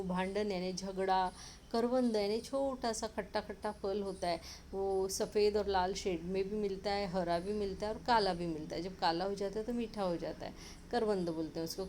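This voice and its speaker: A woman teacher talks straight to young children, patient and clear. She draws syllables out slowly when she sounds out a word. Her voice sits at a middle pitch, with a faint hiss of noise in the background. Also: mellow. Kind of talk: explaining a children's lesson.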